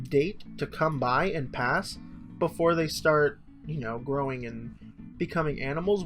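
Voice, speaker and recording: Slightly high and fairly bright in tone, the young host's morning voice is stuffy from blocked sinuses. He chuckles and ums his way through loose, casual commentary on a survival game for his channel.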